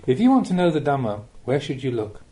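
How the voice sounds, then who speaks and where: The clip features a male voice narrating Buddhist teachings from a spiritual talk in audiobook form. He sounds soft and mellow, with lively pitch movement and a steady, instructive pace.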